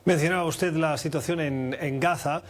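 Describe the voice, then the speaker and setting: Higher-voiced male news anchor. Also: fairly even intonation, moderate pace. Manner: formal, precise, posing structured questions. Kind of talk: news interview questioning.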